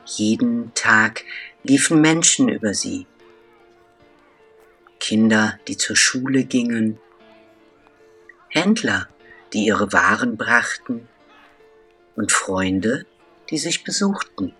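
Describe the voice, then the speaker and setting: A man telling a children's story as scripted narration, slow and deliberate with dramatic pauses. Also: on the low side, animated, bright, forceful tone, slightly rough, faint music behind.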